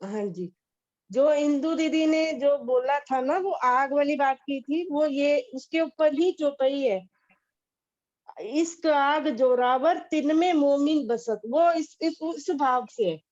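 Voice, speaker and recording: A woman slowly reciting and explaining a devotional verse on a video call, in a deliberate way. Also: sits high, darkish tone, muffled recording.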